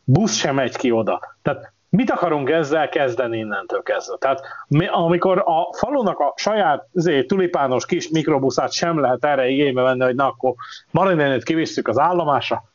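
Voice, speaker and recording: Brief: talkative man, slightly high voice, muffled low-fi recording, long explanations. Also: expressive. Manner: explains at length with concrete examples. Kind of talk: casual panel discussion.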